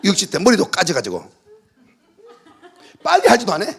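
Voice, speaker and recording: A man preaching at a revival meeting, telling lively stories, shouting decrees and mimicking prayers for laughs. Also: high voice, normal speed, vocal fry, slightly rough. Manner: animated storytelling, shouted decrees and playful mimicry. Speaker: pastor. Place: church hall.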